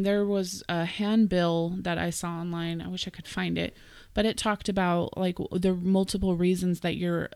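Low-voiced woman podcast co-host. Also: darkish tone, clean tone, no room sound, studio quality. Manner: chatty, thinks aloud with fillers. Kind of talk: casual podcast chat.

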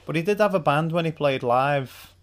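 A man's voice: on the high side, normal speed. A young English man co-hosting a podcast, patiently explaining music trivia in casual album commentary. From England. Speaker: podcast co-host.

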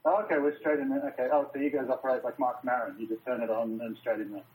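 A man's voice: medium pitch, steady tone, racing, darkish tone, slight background noise, low-quality recording. An Australian man, a film director, chatting loosely as an interview guest and swearing freely. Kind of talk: casual interview chat.

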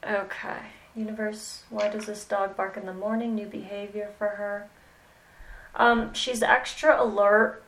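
A woman mentoring a student in animal communication, talking slowly and hesitantly with many pauses and "okay"s. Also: mid-range voice, little pitch movement, a bit bright, slight background noise, rough recording. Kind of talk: mentoring session.

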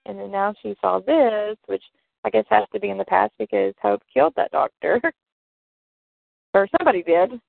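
A woman's voice: mid-range voice, moderate pace, gravelly, dry recording. A woman co-hosting a casual podcast from her home, recapping soap plots in a rambling, giggly way. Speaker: podcast co-host. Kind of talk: casual chat about soap operas. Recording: tinny phone-like line, dry.

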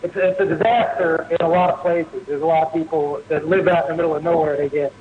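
A man from New Jersey calls in to a talk show on a speakerphone that keeps breaking up, and he speaks haltingly with many fillers. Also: on the high side, fairly even intonation. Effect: speakerphone call that breaks up. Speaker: caller. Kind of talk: phone-in call to a talk show. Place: rural home. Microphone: phone on speakerphone. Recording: tinny noisy speakerphone line.

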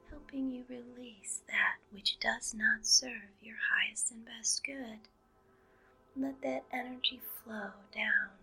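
A woman leading a guided energy-healing meditation in an airy, breathy whisper, soothing and mystical, in short deliberate phrases. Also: on the high side, rough recording. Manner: airy, breathy, hushed mystical healer delivery. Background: music.

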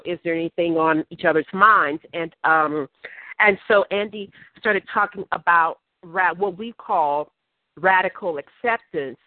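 A woman's voice: fairly low pitch, no echo. A woman co-hosting a podcast, heard over a phone speaker, talking in a casual, rambling way with many ums and restarts. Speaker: podcast co-host. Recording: tinny dry phone line.

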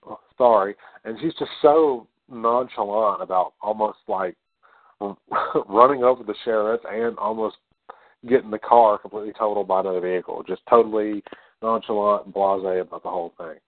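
A man's voice: on the low side, normal speed, no echo. A man co-hosting a podcast, casually retelling a movie scene by scene with lots of fillers. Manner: rambling retelling with many fillers and quoted lines. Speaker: podcast co-host. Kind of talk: casual movie recap chat. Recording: dry tinny phone-like sound.

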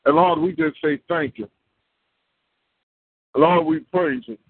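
A man's voice: sits high, wildly swooping pitch, slow, creaky, slightly rough, no echo. A man leading a fervent, rhythmic spoken prayer, repeating phrases and breaking into tongues. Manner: rhythmic repetitive praying with tongues. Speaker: prayer leader. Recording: tinny phone line.

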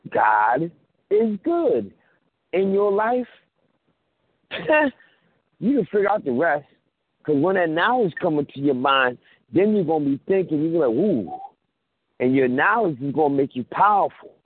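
A man speaks in an animated, preachy way on a call-in show, joking and acting out little scenes. His voice sits a little high with a husky edge. It comes through a tinny phone line with no room sound. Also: no room sound. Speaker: guest commentator. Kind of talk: animated casual talk.

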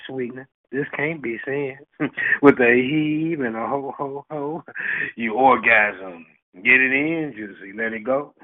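A man from Houston, Texas reading a sensual spoken word poem, chuckling between lines. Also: mid-range voice. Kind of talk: slow sensual poetry reading. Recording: tinny phone line.

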